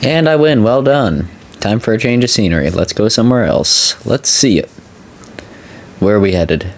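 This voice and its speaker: A man's voice: on the low side, animated, normal speed, slight background noise. A man giving casual video game commentary, talking a little carefully with a sore mouth after having a wisdom tooth out. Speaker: video game let's player. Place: indoor voice-over recording.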